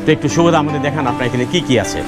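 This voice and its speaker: A man hosts a street vlog as he walks through a busy outdoor market. His voice sits a little high, and he keeps turning to address his viewers directly. Music plays clearly underneath. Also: very fast. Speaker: street vlogger host.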